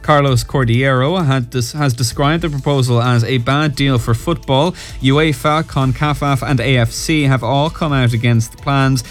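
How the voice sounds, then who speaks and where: An Irish man reading a scripted sports bulletin on the radio as a newsreader. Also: medium pitch.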